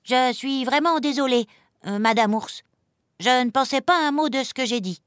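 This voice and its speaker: A woman's voice: moderate pace, clear, resonant tone, no room sound, studio quality, close to an everyday voice. A woman voicing a fussy, irritable male rabbit who exclaims and scolds in a raised voice, in a storybook reading. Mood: sheepish. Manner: high-strung, exclaiming, scolding.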